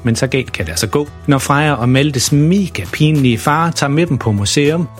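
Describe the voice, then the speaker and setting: A man narrating a funny children's story in a playful, lively way. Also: a little high, faint music behind.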